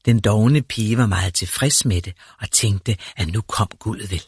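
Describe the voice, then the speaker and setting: A man narrating a fairy tale in a calm, measured storytelling manner. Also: lowish voice, breathy edge, dry recording, studio quality.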